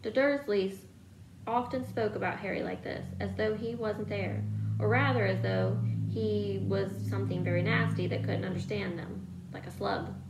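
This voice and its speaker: A woman's voice: medium pitch, steady tone, normal speed, creaky, echoey room, lo-fi sound, noisy background. A woman reading a novel aloud, telling the story steadily. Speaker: reader.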